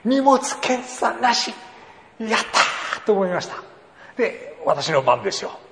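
A man preaching a sermon as an animated storyteller who acts out the dialogue of his anecdotes, in a church hall. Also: sits high, moderate pace, creaky. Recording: roomy hall reverb, faint ambience.

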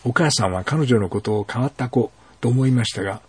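A man hosting a show, telling a story gently and pausing for rhetorical questions. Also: medium pitch, husky. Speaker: radio host. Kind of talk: storytelling narration.

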